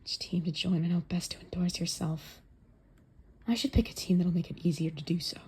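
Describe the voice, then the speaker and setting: A woman voicing a young male football player's inner thoughts in a hushed, tense whisper. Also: medium pitch, slow pace, slightly rough.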